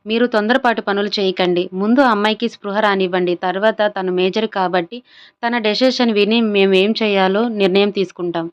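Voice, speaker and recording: A woman reading a story aloud, voicing a calm male police inspector who talks others down. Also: medium pitch, a little fast, clean tone, dull audio, close to an everyday voice. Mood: firm.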